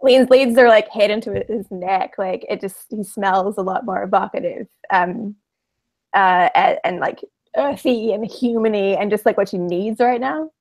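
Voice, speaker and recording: Creaky-voiced woman improvising game narration. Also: mid-range voice, a little mellow. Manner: halting, thinking aloud. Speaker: player in a tabletop roleplaying game.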